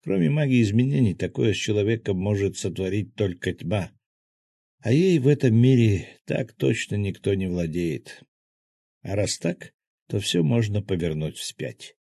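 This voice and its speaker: A man's voice: lowish voice, expressive, measured pace, gravelly, mellow, slightly rough, no room sound. A man narrating a fantasy audiobook in the first person, with a terse, dry inner monologue.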